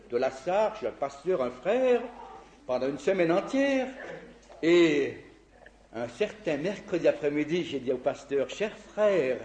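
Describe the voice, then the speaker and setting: A man giving a sermon testimony, telling a story in an animated, expressive way. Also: on the high side. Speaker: evangelist preacher. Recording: echoey room.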